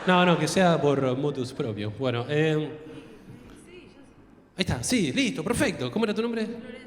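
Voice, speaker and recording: A man's voice: on the high side, lively intonation, normal speed. A young Argentine man doing crude stand-up comedy on a theater stage, working the crowd and acting out voices. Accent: Argentine Spanish. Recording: echoey theater hall.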